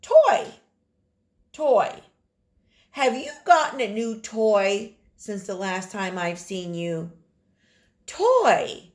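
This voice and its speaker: A woman's voice: mid-range voice, slow pace, few pauses. A woman kindergarten teacher giving a phonics lesson to young children, sounding out and repeating words with exaggerated emphasis and encouraging them directly.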